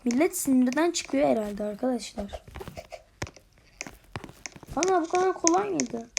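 Young woman gamer with a high voice, chatty, keeps muttering and whispering to herself, faint hiss in the background. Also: expressive, unhurried, vocal fry. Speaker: gaming channel host. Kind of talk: casual gameplay commentary.

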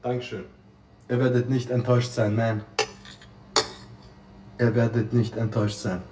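Over a noisy background, a young man speaks in a mid-range, level voice at a measured pace. He's livestreaming casually from a small living room with a kitchen, using excited street slang peppered with English interjections. His phone sits propped a step away, so the recording sounds roomy and distant.

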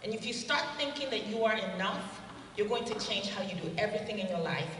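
A woman's voice: mid-range voice, fairly quick, a bit bright, recorded from a distance, slight background noise. A woman on a panel, speaking in an affirming, emphatic way into a handheld mic at an event. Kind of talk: inspirational panel talk. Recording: echoey hall, heard from afar.

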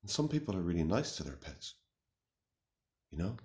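In a small indoor room, a man in his thirties sits low and moves very animatedly while playing an anxious, earnest, melodramatic self-proclaimed warrior. As a comic video responder, he delivers a halting, mock-serious monologue to camera, grave and bewildered, speaking deliberately with long pauses.

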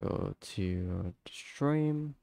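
A man with a slightly low voice chats casually on a game livestream in a very dry, close-sounding space. He talks very slowly in halting, rambling bits, repeating phrases with a playful, teasing manner. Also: animated, gravelly, warm tone, no echo. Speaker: livestreamer, VTuber. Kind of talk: casual livestream chat while playing a block-building game.

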